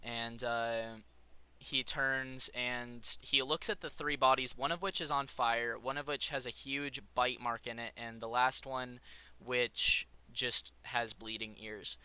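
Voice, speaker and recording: A man's voice: mid-range voice, fairly even intonation, takes it slowly, sharp tone, smooth. A man running a tabletop game, narrating in a rambling way with frequent fillers and restarts. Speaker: game master.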